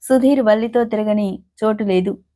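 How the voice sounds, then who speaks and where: A man's voice: high-pitched, moderate pace, mellow, close to an everyday voice. A woman voicing a jealous, angry young man who scolds and sneers, in a storybook reading. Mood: bitter. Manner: bitter, accusing, sneering.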